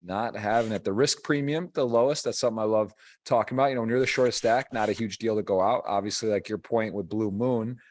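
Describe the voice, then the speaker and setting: A man's voice: on the low side, fairly even intonation, fast, a little hiss or hum. A man giving conversational live poker tournament commentary as the host of a stream.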